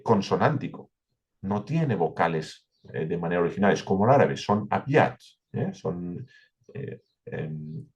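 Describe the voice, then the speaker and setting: A man's voice: on the low side, darkish tone, slightly rough. A man with a Spain Spanish accent teaching a verse-by-verse Bible study, explaining step by step and answering his own questions.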